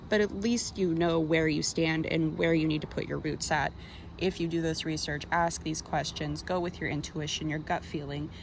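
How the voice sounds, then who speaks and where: A woman's voice: deep voice, vocal fry, a little hiss or hum. A woman giving a casual, chatty tarot reading straight to the viewer, speaking informally with plenty of slang. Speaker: tarot card reader.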